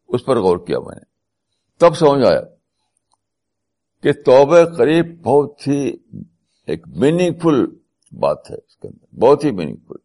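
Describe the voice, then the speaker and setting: A man's voice: mid-range voice, a little mellow. A man giving a spiritual talk, mixing English terms into his speech and repeating key phrases for emphasis. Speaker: religious speaker.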